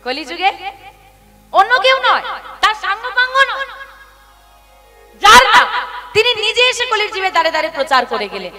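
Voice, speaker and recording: A woman with a very high, piercing voice gives a devotional kirtan sermon to a seated gathering. She keeps asking her listeners questions and slips into sing-song chanting of verses. Devotional music plays clearly underneath her speech. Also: sing-song, normal speed, pauses often, pushed and bright. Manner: rhetorical questions to listeners, calls them baba. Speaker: kirtan singer and preacher. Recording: music playing behind speech.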